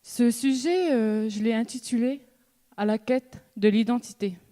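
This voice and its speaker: A young student from New Caledonia speaks in an eloquence contest, her delivery slow and measured with long dramatic pauses. Her voice sits high but sounds mellow and dark. She builds with rhetorical questions and repeated refrains. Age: young adult. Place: stage in a hall before an audience.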